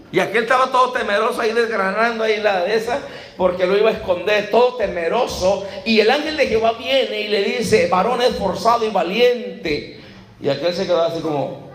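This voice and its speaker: A Mexican man preaching a sermon in a church, with a fairly high voice. He keeps asking the congregation questions and acts out little scenes of Bible dialogue. The room around him is echoey and roomy. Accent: Mexican Spanish. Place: church hall.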